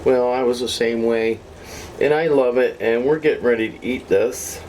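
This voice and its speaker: A woman's voice: a bass voice, moderate pace, a little mellow, a little hiss or hum, low-quality recording. A woman hosting a casual cooking show in her home kitchen, chatting to viewers in a homey way while she is losing her voice, with a sizzling pan behind her. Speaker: home cook host. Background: sizzling pan and kitchen sounds.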